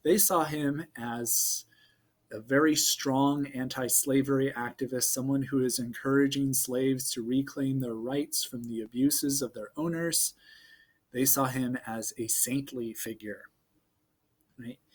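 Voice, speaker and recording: A man's voice: medium pitch, fairly even intonation, measured pace. A man in his thirties giving a casual history video lesson, joking and cracking corny puns. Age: 30s. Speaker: social studies teacher.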